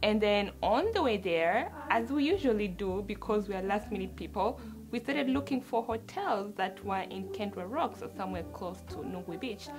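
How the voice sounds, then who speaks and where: A woman's voice: mid-range voice, expressive, moderate pace, music in the background. A woman from Tanzania, chatting through a casual travel recap as a vlogger and dropping Swahili words into her talk.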